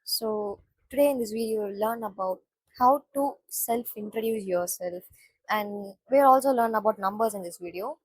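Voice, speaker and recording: An Indian woman leads a beginner Japanese lesson, repeating every phrase and slowly breaking it down word by word, often restarting with "so." Her mid-range voice has a breathy edge, and the audio is poor, with no room sound.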